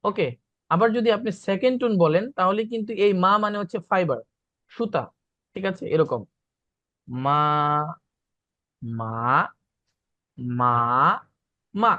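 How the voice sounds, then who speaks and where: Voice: mid-range voice, animated, fairly quick, no echo, highs cut off. A teacher giving an online language class, repeating practice syllables and mixing in English words. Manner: repeats drilled syllables, code-mixes English. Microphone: video call.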